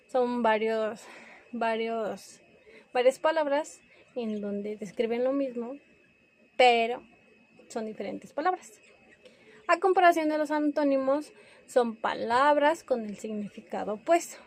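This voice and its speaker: Slow, hesitant young woman reviewing grammar. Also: on the high side, a little mellow. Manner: hesitant, self-correcting, slow and careful. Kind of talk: class review presentation.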